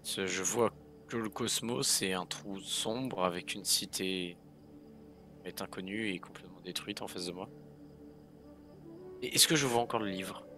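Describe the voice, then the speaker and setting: A man speaks slowly with long pauses while playing a tabletop game, joking around and voicing his character. His voice sits low yet sounds bright and forceful, with soft music in the background.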